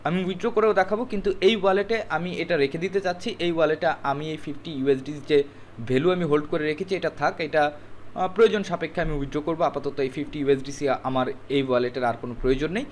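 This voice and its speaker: Speaking very fast in a rather high voice, a man walks through a screen tutorial step by step, mixing English words into his instructive narration. There's slight background noise.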